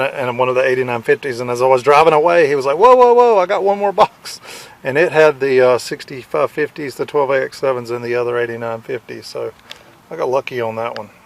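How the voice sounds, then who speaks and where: Man with a gravelly voice, vlogging outdoors. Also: medium pitch. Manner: halting, lots of "uh" fillers, enthusiastic about finds. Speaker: vlogger at a hamfest. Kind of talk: casual walkaround vlog. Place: outdoor fairground flea market.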